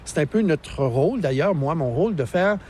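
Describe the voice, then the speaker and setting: In an outdoor interview, a man in his sixties, an enthusiastic Québécois-accented park naturalist, explains the surrounding landscape and laughs readily. His warm voice is on the high side and animated, at normal speed, with a little hiss or hum in the audio.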